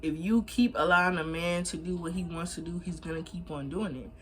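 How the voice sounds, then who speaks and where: A woman's voice: on the low side, a little fast, fairly bright tone, slight background noise. A young woman giving blunt, emphatic, slangy advice in a casual chat while she eats. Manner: talking while eating. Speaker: mukbang vlogger.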